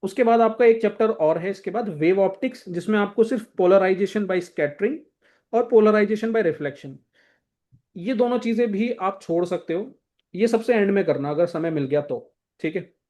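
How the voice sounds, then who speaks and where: At a normal speed, a young man whose voice sits high with a darkish tone guides students through a textbook for their exam. He's casual and directive, frequently checking in with a repeated "thik hai."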